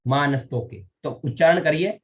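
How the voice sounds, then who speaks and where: Guy teaching vedic rituals online, higher voice, chants mantras slow then keeps checking in with students. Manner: explains quickly, then chants mantra syllables slowly; often checks with students, asking "all right?".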